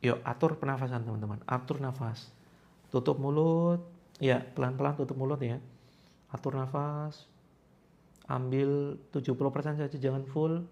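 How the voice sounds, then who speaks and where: A man's voice: medium pitch, steady tone, moderate pace, creaky, pauses often, a little mellow. A man leading a guided ruqyah healing session, coaxing viewers through repeated chanted prayers.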